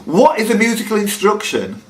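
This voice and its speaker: A man with a high voice and huge swings in pitch hosts a live pub-style quiz at a fairly quick clip, reading questions aloud and tossing in chatty, jokey ad-libbed banter between them. The recording comes from a live room with clear background noise.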